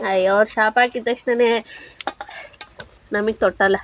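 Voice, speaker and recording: A woman's voice: mid-range voice, fairly even intonation, moderate pace, dull audio, slight background noise. A young woman, talking frankly and chattily to her viewers while cooking. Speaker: village vlogger.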